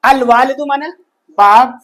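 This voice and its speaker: A man teaching a grammar lesson, slowly repeating each phrase and answering his own questions. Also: very high voice, a bit bright. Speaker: Arabic teacher.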